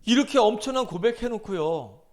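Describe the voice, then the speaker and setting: A male pastor delivers an emphatic sermon with a notably high-pitched voice. He retells scripture like a story, acting out the quoted lines with swings between loud and hushed. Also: expressive, brisk. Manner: emphatic preaching, acting out scripture quotes with rising and falling intensity.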